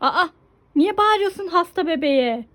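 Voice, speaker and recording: A woman's voice: very high-pitched, animated, normal speed, noisy background. A mother coaxing her toddler through a pretend doctor game, giving instructions and exclaiming often.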